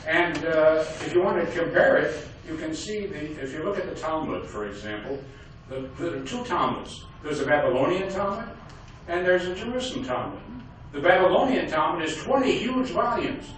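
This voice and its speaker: An older man giving a speech to a community audience, halting with many fillers and restarts. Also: fairly high pitch, expressive, slight background noise. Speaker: guest speaker. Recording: echoey hall from far off.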